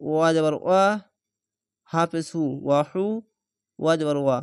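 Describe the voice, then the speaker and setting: A man's voice: a little high, fairly even intonation, unhurried, clean tone, no echo, clean studio sound. A man from Bangladesh teaching Quran reading, spelling each word letter by letter and syllable by syllable, then reciting the whole word. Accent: Bangladeshi Bengali. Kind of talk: slow spelling-out recitation lesson.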